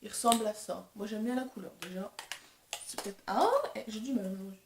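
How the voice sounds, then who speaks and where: A woman's voice: mid-range voice, brisk, a little mellow, a little hiss or hum. Chatty young woman in an echoey room. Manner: chatty, self-deprecating, laughs often. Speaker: beauty vlogger. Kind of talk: casual chat.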